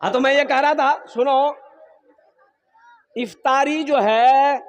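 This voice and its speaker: A man preaching a lively sermon at a public gathering, joking with the crowd and repeating his phrases. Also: extremely high pitch, slow, highs cut off. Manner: jokes with the crowd, repeats phrases, addresses mothers and sisters. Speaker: Islamic preacher. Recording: echoey reverberant venue, voice from far off.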